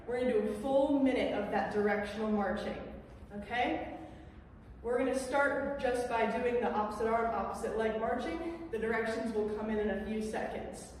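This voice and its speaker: A woman instructing an exercise class, calling out counts and directions in an encouraging way. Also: a little high. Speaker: exercise instructor leading gait training. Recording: echoey reverberant room, distant mic, faint noise.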